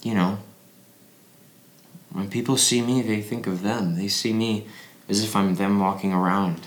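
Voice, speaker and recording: A man's voice: lowish voice, fairly even intonation, measured pace, close to an everyday voice. A man playing a drugged, injured young man whose mouth is bleeding, rambling and repeating himself in an audio drama. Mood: troubled. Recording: roomy echo.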